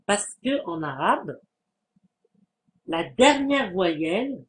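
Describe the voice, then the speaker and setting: A man giving a language lesson, patiently explaining and repeating sounds and words to demonstrate them, with some hesitant pauses. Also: high voice, big pitch swings, slightly rough. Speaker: Arabic language teacher.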